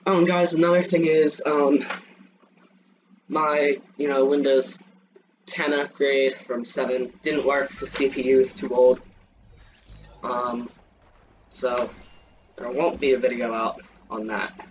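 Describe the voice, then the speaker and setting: A man's voice: medium pitch, flat delivery, slow pace, pauses often, slight background noise. A man hosting a gaming channel, chatting casually over his gameplay with lots of ums and likes. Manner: rambling, many fillers. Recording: distant mic with faint game music.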